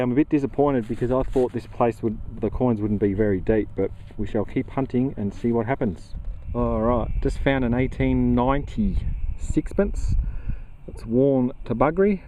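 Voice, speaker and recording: An Australian man talks in a chatty, slangy way as he narrates his own outdoor hunt. His voice sits at an ordinary middle pitch. A faint hiss of open-air noise runs underneath. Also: dark tone, low-quality recording. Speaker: metal detecting vlogger. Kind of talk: casual narration while detecting. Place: outdoors in a grassy paddock.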